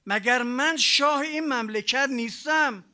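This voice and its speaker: A man voicing a proud, defiant ancient king who shouts haughty questions. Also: very high voice, pitched above the performer's own voice, heavily acted. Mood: boastful.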